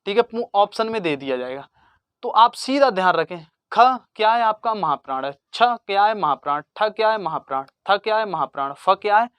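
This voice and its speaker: Exam-prep teacher, mid pitch, question-and-answer drilling, dry recording. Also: expressive, normal speed, smooth, dry recording. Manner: call-and-response, asks a question then answers it lower and softer. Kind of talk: exam-prep grammar lesson.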